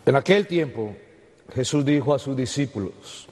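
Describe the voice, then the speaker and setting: A man, a priest reading the Gospel and preaching at Mass. He speaks in a slow, measured liturgical cadence, and his voice rings with a long cathedral echo. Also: medium pitch, lively intonation, darkish tone. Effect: cathedral echo, long church reverb. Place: large church.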